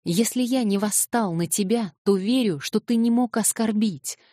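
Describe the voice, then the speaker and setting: A woman's voice: mid-range voice, normal speed, dark tone, no echo, studio quality, pitched above the performer's own voice, close to an everyday voice. A woman reading an audiobook, voicing an earnest young man who protests in a heated, pleading way.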